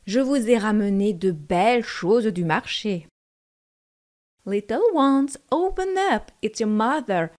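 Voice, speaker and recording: A sly, menacing storybook wolf, put on by a woman reading aloud, coaxing in a raised, loud voice. Its delivery is slow and drawn out, pushed higher than the reader's usual voice. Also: lively intonation. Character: wolf, male, sly and menacing, faking a mother's voice. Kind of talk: storybook narration.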